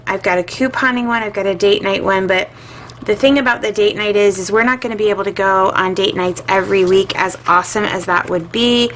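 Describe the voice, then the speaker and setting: A woman's voice: medium pitch, a bit bright, a little hiss or hum, rough recording. A middle-aged woman and regular vlogger chatting casually while she sorts her budget, musing aloud with plenty of filler words.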